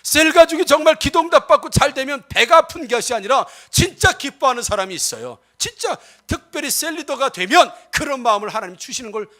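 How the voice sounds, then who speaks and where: A male pastor preaching a Sunday sermon, asking the congregation rhetorical questions and swinging between loud exhortation and soft asides. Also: very high voice, expressive, a little fast, hardly any pauses.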